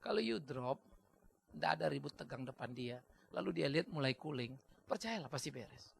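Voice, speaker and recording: A man, a pastor, preaching a sermon, swinging between loud exhortation and soft storytelling and repeating key phrases for emphasis. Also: a little high, animated, normal speed, creaky, slight background noise. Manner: mixes in English words.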